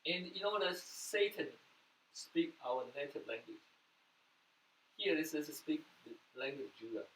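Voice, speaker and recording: A pastor whose first language is Mandarin delivers an earnest sermon in an echoey room, recorded from a distance with faint noise. His voice is a little high with lively intonation and a slightly slow pace, and he breaks into sudden loud bursts before dropping soft.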